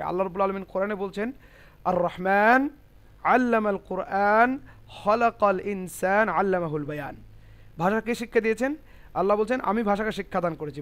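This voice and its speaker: A male teacher with a fairly high voice guides an online class through pronunciation. He is patient and methodical, repeating each point and drilling syllables slowly.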